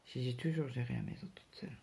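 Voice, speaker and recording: A woman's voice: extremely low pitch, quick pace, gravelly. A middle-aged woman telling a chatty story about her day, acting out bits of talk and dropping to a whisper at times. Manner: chatty, quotes her husband in lively bits, drops to whispers. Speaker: crafting vlogger. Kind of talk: casual chat, storytelling.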